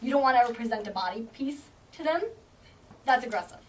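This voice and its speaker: A shelter animal trainer with a fairly high voice teaches a group of volunteers in an indoor room at an animal shelter. She sounds confident and explains by briefly acting out what a dog might be thinking. A distant camera mic catches her, with faint noise in the background.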